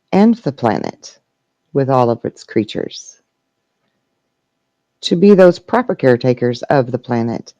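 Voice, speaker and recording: A man channeling a slow, serene seance spirit guide. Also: mid-range voice, dark tone, no echo, highs cut off. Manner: seance medium trance delivery, halting phrases, formal plural 'we'. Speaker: trance channeler answering questions. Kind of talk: trance channeling question and answer session.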